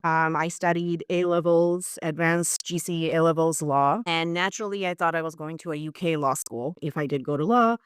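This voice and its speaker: A woman's voice: low voice, moderate pace, few pauses, smooth, no room sound, clean studio sound. A woman from Bangladesh, a corporate lawyer, telling her story earnestly as a podcast guest. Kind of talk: podcast interview.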